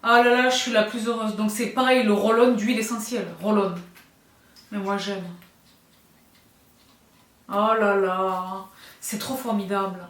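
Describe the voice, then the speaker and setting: A woman's voice: medium pitch, steady tone, fairly quick, reverberant, recorded from a distance. A woman beauty vlogger chatting casually and effusively while reviewing skincare products, laughing often.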